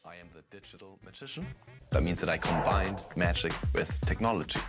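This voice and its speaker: A man's voice: deep voice, a little fast. A man, a magician, introducing himself and his work in a scripted interview style. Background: loud music.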